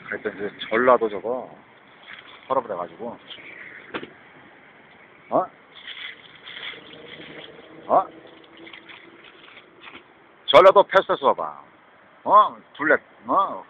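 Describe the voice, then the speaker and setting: A man's voice: medium pitch, expressive, takes it slowly, pauses often. A man talking to his viewers in a rambling monologue, mixing English words in and often tossing out a questioning "eh?". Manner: rambling, mixes English words into Korean, keeps asking "eh?". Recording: tinny phone-like audio with faint noise.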